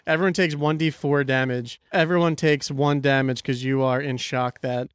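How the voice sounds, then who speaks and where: A man's voice: medium pitch, steady tone, moderate pace, clear, resonant tone, dry recording, clean studio sound. A man narrating as game master of a tabletop role-play, joking and loose, often restarting phrases.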